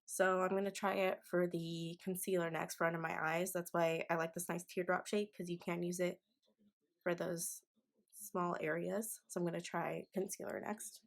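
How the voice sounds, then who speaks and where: Tipsy young woman, low creaky voice. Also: little pitch movement, normal speed. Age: 20s. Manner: tipsy, casual drunk-tutorial delivery; informal, sweary, effusive slang. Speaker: beauty vlogger. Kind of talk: casual makeup tutorial chat to camera.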